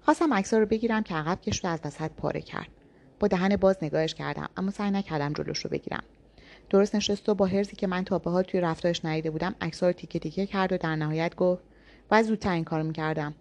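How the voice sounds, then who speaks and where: A woman reading a novel aloud in the first person, with even, intimate storytelling. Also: on the low side, creaky. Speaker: audiobook narrator.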